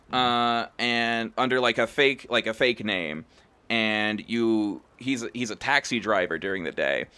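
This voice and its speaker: A man's voice: mid-range voice, bright, forceful tone. A man streaming a game, chatting casually and rambling with lots of fillers on a close desk mic. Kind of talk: casual live-stream commentary.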